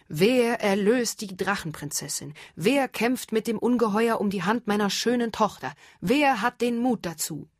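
A woman voicing a stubborn, blustering old king in a fairy tale, gruff and pompous. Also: medium pitch, lively intonation, normal speed, hardly any pauses, no room sound, clean studio sound, lightly acted.

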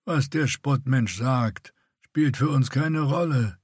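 A man's voice: medium pitch, slow, darkish tone, slightly rough, no room sound, clean studio sound, voice pushed up. A man voicing a tall, older male warrior who grumbles and speaks dismissively. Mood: haughty.

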